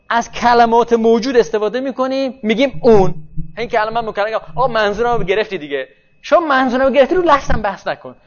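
A man with a high voice gives a classroom lecture in a loose, conversational way, often stopping to ask if his students follow. The recording sounds dull and lo-fi. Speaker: teacher.

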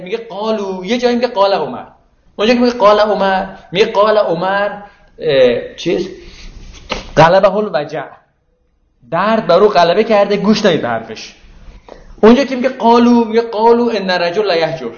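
The audio, echoey and somewhat dull as if captured lo-fi in a room, features a religious teacher with a fairly high-pitched voice. He explains Quranic verses in a casual, conversational lecture, often directing rhetorical questions at the audience.

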